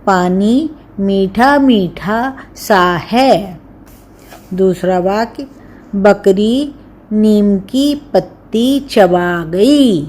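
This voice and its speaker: Very slow, careful woman teacher. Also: mid-range voice, dark tone. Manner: very slow, careful, drawn-out word by word. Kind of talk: slow dictation of words and sentences.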